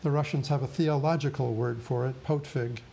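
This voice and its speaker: A man preaching a sermon in a solemn, deliberate way, with grave pauses. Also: medium pitch, fairly even intonation, creaky, dark tone, a little hiss or hum.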